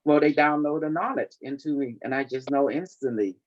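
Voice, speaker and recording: This fairly high-pitched male voice moves a little fast over dull audio. He's a spiritual teacher with a Cambodian accent leading a group call, speaking casually in non-native English that drops verbs and word endings.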